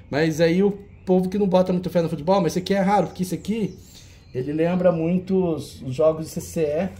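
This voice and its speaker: A man's voice: fairly high pitch, mellow. A man hosting a retro game auction, showing old cartridges in casual, teasing banter. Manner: chatty, teasing, jokey banter with a helper.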